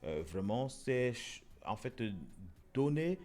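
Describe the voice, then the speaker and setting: A man's voice: medium pitch, big pitch swings, slow, a little mellow. A man hosting a casual discussion show, talking with frequent fillers, repeated words and restarts. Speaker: show host.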